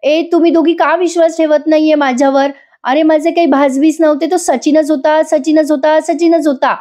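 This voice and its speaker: A woman's voice: high voice, fairly even intonation, moderate pace, dark tone, voice pushed up, natural voice. A woman voicing a distraught young pregnant woman who speaks through tears and insists she is right. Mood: tearful. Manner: insistent, pleading. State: tearful.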